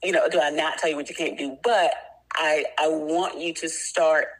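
A woman's voice: sits low, steady tone, normal speed, poor audio. A woman coach with children, talking casually on a podcast, earnest and encouraging, with lots of "like"s. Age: adult with children. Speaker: health coach.

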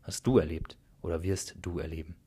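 Calm all-knowing god dude, read out by a guy, kinda husky, low. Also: fairly quick. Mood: solemn. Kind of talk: storytelling reading.

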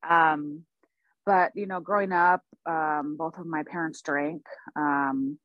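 A woman in her forties from Oklahoma, talking softly and thoughtfully as a podcast guest, with many pauses and laughs. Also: low voice, fairly even intonation, no echo, dull audio. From United States (Oklahoma). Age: 40s. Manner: soft-spoken, laughs often, thoughtful with many ums. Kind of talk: casual interview.

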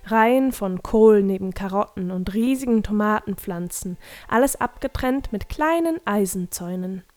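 A woman's voice: mid-range voice, animated, moderate pace, a little mellow. Woman reading a storybook aloud. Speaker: narrator.

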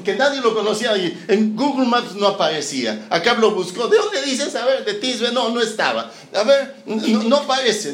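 Predicador chileno bromista con eco. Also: male voice, sits high. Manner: lively, joking, acts out scenes. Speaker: preacher. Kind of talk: sermon. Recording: roomy echoing hall.

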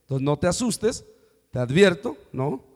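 Animated high-voiced preacher, echoing hall. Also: male voice, unhurried. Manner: animated storytelling, acting out dialogue. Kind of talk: sermon. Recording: long hall reverb.

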